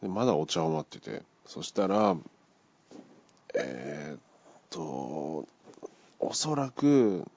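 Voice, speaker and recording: A man's voice: a bass voice, wildly swooping pitch, takes it slowly, creaky, long pauses, a little mellow, slightly rough. A man casually retelling a dream he had, acting out the voices of the people in it. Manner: acts out the voices of people in the story. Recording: dull lo-fi dry recording.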